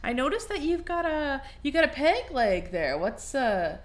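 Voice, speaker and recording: A woman doing a high, chatty male bartender. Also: very animated, moderate pace. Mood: curious. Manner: casual questioning, "man".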